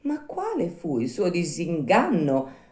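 Expressive woman reading a story aloud. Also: on the low side, slow pace. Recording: roomy echo.

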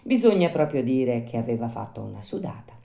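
A woman reading a children's story aloud, with expressive, lively storytelling. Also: rumbling low, brisk, creaky, a crowd in the background. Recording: roomy echo.

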